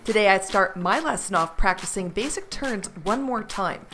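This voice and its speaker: A woman's voice: mid-range voice, animated, normal speed, pushed and bright, soft background music. A young woman hosting and narrating a television feature in a scripted, upbeat presenter style. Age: young adult. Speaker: TV host and reporter.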